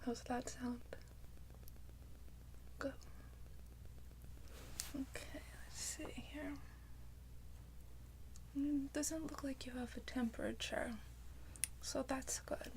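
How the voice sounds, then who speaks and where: Slow, whispering woman in nurse role-play. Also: high voice, steady tone, a little hiss or hum. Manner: gentle, reassuring nurse bedside manner. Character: caring, attentive female nurse. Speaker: ASMR performer playing a nurse.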